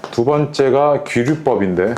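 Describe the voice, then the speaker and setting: A man teaches a math lesson to students in a casual, conversational style, often checking whether they follow along. His voice is medium-pitched and a little mellow at a measured pace, with slight background noise.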